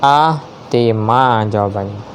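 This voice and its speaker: A man slowly reading multiple-choice quiz questions aloud and confirming each answer. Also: lowish voice, a little hiss or hum. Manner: measured, spells out each option, confirms answers with "ya".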